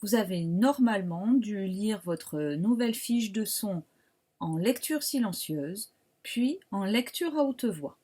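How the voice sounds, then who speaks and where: Woman, French accent, primary school teacher, phonics dictation, slow and patient, lively pitch. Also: slightly rough. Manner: slow, patient, articulates syllables carefully. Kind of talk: remote phonics lesson, syllable dictation.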